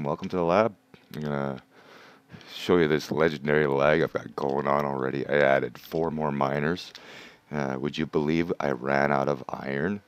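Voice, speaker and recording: Man, very low voice, casual game stream host, explanatory, dry close sound. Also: no echo. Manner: chatty, explains game mechanics step by step. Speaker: livestream host. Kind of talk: casual gameplay commentary.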